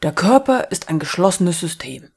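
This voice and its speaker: A woman's voice: lowish voice, very animated, normal speed, vocal fry, a little mellow, breathy edge, full character voice. Woman reading a lecturing physics teacher. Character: confident male physics teacher, matter-of-fact.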